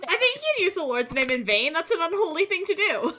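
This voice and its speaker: A woman's voice: very high voice, very animated, fast, sharp tone, slight background noise. A woman playing a tabletop role-playing game, casually and animatedly describing her character's actions, with some swearing. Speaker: player in a tabletop RPG.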